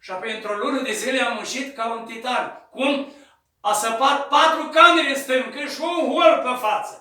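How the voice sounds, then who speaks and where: A male Orthodox priest telling a saint's story in a sermon, acting out the voices and shouting at the peaks. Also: very high voice. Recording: echoey room, distant mic.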